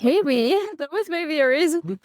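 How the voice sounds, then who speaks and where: Relaxed teen girl from Belgium. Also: high-pitched, measured pace, dry recording, clean studio sound. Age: teens. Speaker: exchange student guest. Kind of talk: casual podcast interview.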